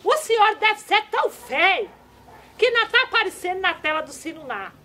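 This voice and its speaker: A shrill old country granny, fussy rustic talk, bright piercing tone, wildly swooping voice. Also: female voice, sing-song, normal speed, full character voice. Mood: flustered, indignant. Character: nagging elderly countrywoman granny, easily flustered. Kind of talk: comedy sketch.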